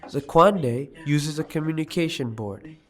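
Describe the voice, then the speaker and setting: A man's voice: fairly high pitch, measured pace. A man reading audio description in a neutral, plain way.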